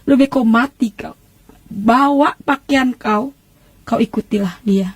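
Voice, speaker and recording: A woman's voice: a little high, takes it slowly, breathy edge, no room sound. A woman voicing a stern, devout older father who scolds and pleads with his daughter. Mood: angry.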